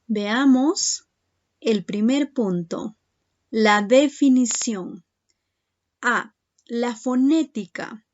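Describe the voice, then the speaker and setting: A woman's voice: a little high, very slow, pauses often, lo-fi sound. A woman teaching a secondary school class in a recorded lesson, speaking patiently and addressing her students directly.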